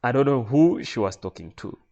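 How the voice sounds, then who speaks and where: Man from congo, storytelling, animated, lively pitch, casual. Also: fairly quick, gravelly, muffled recording. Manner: animated, conversational with fillers. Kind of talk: amateur comic storytelling.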